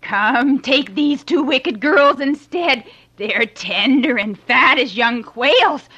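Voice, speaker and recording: A woman voicing a grumpy, ungrateful little male dwarf in a storybook reading, with a shrill, whiny, scolding manner. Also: unhurried, pushed and bright, muffled recording, exaggerated voice. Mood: pleading.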